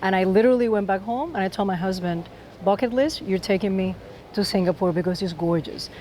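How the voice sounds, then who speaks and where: A woman's voice: mid-range voice, mellow, a little hiss or hum. A woman from Puerto Rico with a Puerto Rican accent, a film director talking enthusiastically in a press interview and often restarting her sentences.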